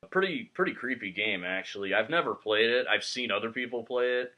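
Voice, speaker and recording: A man's voice: mid-range voice, fairly quick, phone-quality sound. A man hosting a movie review channel, chatting casually and laughing easily, recorded on a laptop microphone.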